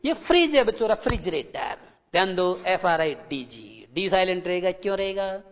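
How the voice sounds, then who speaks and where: A man teaching English as a televised classroom lecture, addressing children and asking them rhetorical questions, reading English phrases slowly before explaining them. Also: high voice, big pitch swings. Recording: dull lo-fi broadcast with long reverb.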